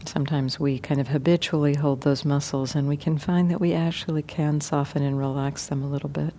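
A female meditation teacher leads a guided meditation gently and without hurry, leaving many pauses. Her low voice holds a steady tone, with a little hiss or hum in the recording.

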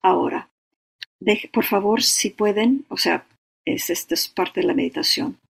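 A meditation teacher giving a dharma talk and leading a guided meditation, slow and halting, often checking in with short tag questions. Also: mid-range voice, vocal fry, a bit bright, husky. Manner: slow, halting, with frequent "¿no?" and "o sea".

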